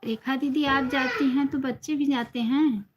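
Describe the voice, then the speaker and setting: A woman from Uttar Pradesh with an Awadhi-flavored Hindi accent, hosting a live stream and chatting casually with viewers, greeting them by name and softly repeating blessings. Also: high-pitched, fairly even intonation, moderate pace, slight background noise. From Uttar Pradesh, India. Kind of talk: casual live-stream chat reading comments.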